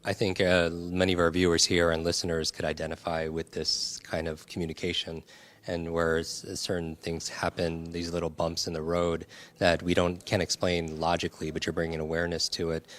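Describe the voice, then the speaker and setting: A man's voice: sits low, completely flat delivery, moderate pace, a bit bright. A male podcast host asking thoughtful, probing questions in an interview.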